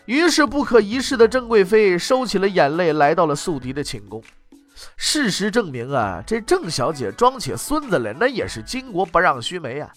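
A man's voice: high voice, very animated, moderate pace, fairly bright tone, soft background music. A man telling history in traditional comic storytelling style, with wry, mocking asides.

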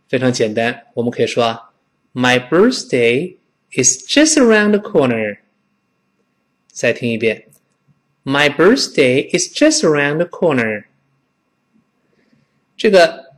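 A middle-aged man from China teaching a spoken English lesson, demonstrating pronunciation slowly and repeatedly. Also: mid-range voice, very animated.

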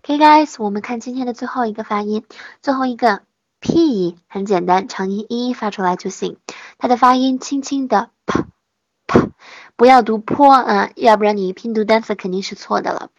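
A woman teaching pronunciation in an online lesson, patient and encouraging, slowly modelling sounds for her students. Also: on the high side, no echo, highs cut off.

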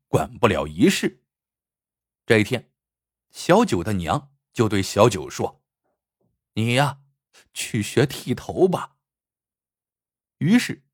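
A man telling a folk story in an animated, theatrical way, voicing it with plenty of expression. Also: mid-range voice, husky, dry recording, studio quality.

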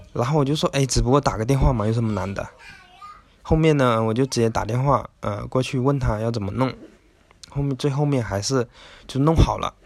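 A man's voice: medium pitch, no room sound. Chatty man with a dry close sound. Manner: chatty, rambling, many filler particles. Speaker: podcast host. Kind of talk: casual self-help talk.

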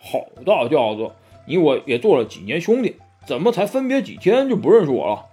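A man's voice: fairly high pitch, very animated, moderate pace, mellow, soft background music. Zhu Bajie, a man doing a whiny pig-monk. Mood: grumbling. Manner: pleading, grumbling. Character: greedy, whiny male pig-monk, bumbling.

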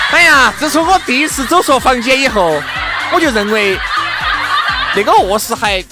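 A man's voice: very high-pitched, animated, moderate pace, loud music behind the voice. A man with a Sichuanese accent co-hosting a casual comic talk show, bantering in a playful, mock-earnest way.

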